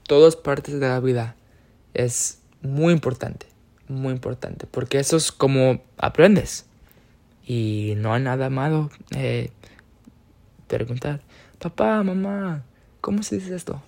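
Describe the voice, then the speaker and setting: Speaking slowly in a gravelly, darkish, medium-pitched voice, a young man from the United States shares something he's personally been through. The talk is casual and hesitant, peppered with fillers and corrections of himself.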